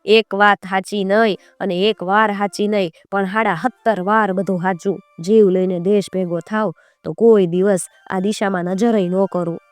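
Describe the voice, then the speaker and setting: A woman's voice: medium pitch, steady tone, moderate pace, no echo, close to an everyday voice. A worn-out young merchant, voiced by a woman storyteller, pleading. Dry, close sound with faint music beneath. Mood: rueful. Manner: tired, pleading. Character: weary ruined young male foreign merchant.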